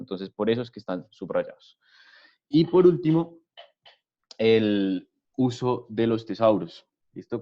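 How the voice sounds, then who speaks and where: Low-voiced man teaching a webinar. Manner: explanatory, repeats "¿listo?" and "entonces" often. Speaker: trainer. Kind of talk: online training webinar. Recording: dull lo-fi webinar audio.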